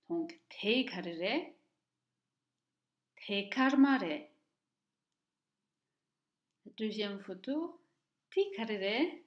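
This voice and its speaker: A woman teaching Tibetan reading, speaking slowly and carefully and repeating each word twice for the listener. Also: mid-range voice, darkish tone. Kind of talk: slow, deliberate language lesson. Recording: echoey room, dull lo-fi sound.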